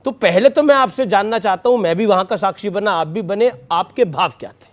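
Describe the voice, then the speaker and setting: A man hosting a TV debate show, brisk and teasing as he steps in with questions. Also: sits high. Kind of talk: TV debate moderation. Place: TV studio.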